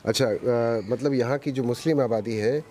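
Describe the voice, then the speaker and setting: A man reporting from the street speaks at medium pitch and normal speed with a warm tone, pressing with probing questions and repeating the answers back. Slight hiss or hum can be heard.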